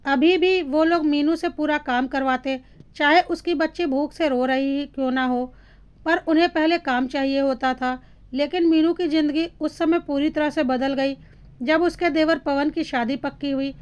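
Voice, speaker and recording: A woman with a high voice narrates a family story. Her delivery is steady and even throughout. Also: normal speed.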